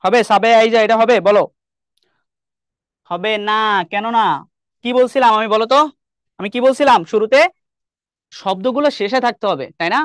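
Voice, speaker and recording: A man's voice: sits high, normal speed, pauses often, dry recording, studio quality. A young man with a Bangladeshi Bengali accent teaching an online English class, explaining step by step and quizzing his students often. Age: young adult.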